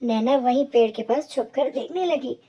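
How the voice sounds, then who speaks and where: A woman's voice: high voice, normal speed, dark tone, slightly rough. A woman narrating a children's cartoon story in a simple, plain storytelling manner.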